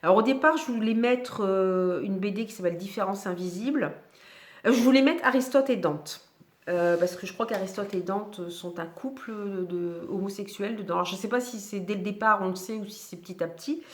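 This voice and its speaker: Woman, casual book chat, halting with fillers, average pitch, reverberant room. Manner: chatty, hesitant with many fillers and restarts. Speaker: book vlogger. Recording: echoey room.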